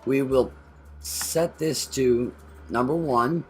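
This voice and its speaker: Soft background music accompanies a co-host's casual gameplay commentary. Taking it slowly in a mid-range, slightly mellow voice, he reasons aloud while playing and corrects himself mid-sentence.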